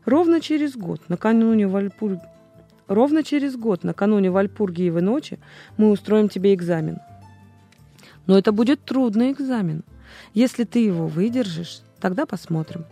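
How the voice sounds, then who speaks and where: A woman reading a storybook voices a stern, commanding chief witch who speaks in a booming manner. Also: normal speed, dark tone, soft background music, natural voice. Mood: measured.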